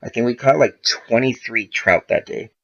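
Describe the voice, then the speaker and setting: A man's voice: mid-range voice, normal speed, fairly bright tone. A man, a podcast guest, casually telling a story full of profanity and quoted back-and-forth dialogue. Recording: dull lo-fi podcast audio.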